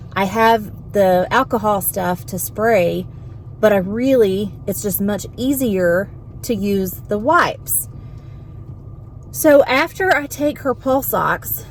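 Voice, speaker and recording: A woman, a vlogger and home health worker telling an animated, exasperated story in casual venting style. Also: mid-range voice, slight background noise.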